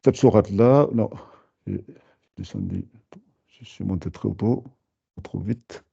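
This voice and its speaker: A man's voice: on the low side, wildly swooping pitch, takes it slowly, vocal fry, warm tone, husky, lo-fi sound. A man teaching a lesson, explaining patiently with many fillers and restarts. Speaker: Quran recitation teacher.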